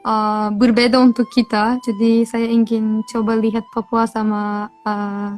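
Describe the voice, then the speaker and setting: A woman's voice: on the high side, little pitch movement, a little slow, darkish tone, faint music behind. A woman from Turkey with a Turkish accent, answering interview questions casually in a foreign learner's simple phrasing. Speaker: interview guest, language learner.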